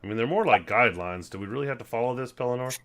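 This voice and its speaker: A man's voice: medium pitch, racing, fairly bright tone. A man playing a tabletop game, chatting casually and joking as he declares his actions.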